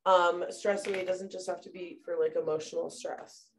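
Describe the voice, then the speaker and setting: This essential oil presenter is a mother, young adult or middle-aged, chatting casually about products in her home bathroom with lots of fillers and frequent "you guys." She speaks at a normal speed in a lowish, level voice. Slight background noise is audible.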